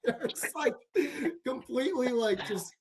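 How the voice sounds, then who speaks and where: A man's voice: very high-pitched, animated, measured pace, a little hiss or hum. A man co-hosting a sports betting podcast, chatting loosely and laughing easily. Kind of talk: casual podcast chat.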